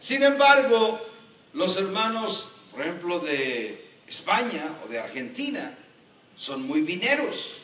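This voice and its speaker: A man, a pastor, preaching a sermon in an animated way and joking with the congregation. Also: high-pitched, takes it slowly, slight background noise. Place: church. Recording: echoey church hall from a distance.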